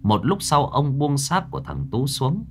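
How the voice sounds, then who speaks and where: Male narrator for a horror audiobook; dramatic telling with lively, rising and falling pitch. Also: measured pace, slight background noise. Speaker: storyteller.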